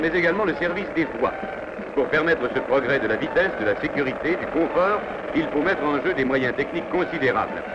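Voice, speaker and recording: A man reading scripted 1950s newsreel narration in a formal, declamatory announcer's manner. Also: a little high. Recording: dull 1950s film soundtrack. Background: loud background music.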